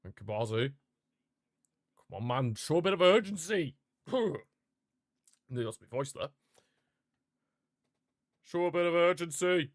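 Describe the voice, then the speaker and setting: In clean studio sound with no echo, a man with a fairly high, animated voice reacts live to a football match as a streamer. He talks at a measured pace, pausing often between frustrated, passionate rants and callouts to his live chat.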